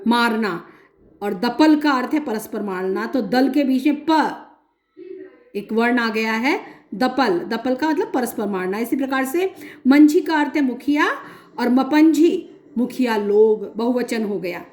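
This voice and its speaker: Slow, methodical woman lecturing. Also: a little high, animated, darkish tone, roomy sound. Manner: methodical, explaining with many examples and pauses. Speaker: linguistics lecturer. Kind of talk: recorded academic lecture.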